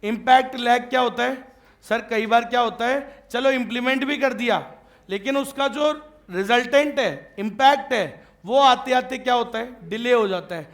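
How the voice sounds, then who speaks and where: Very high-voiced man teaching a class. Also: moderate pace, a bit bright. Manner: checks often that students follow; joking and teasing with students. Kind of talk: classroom lecture.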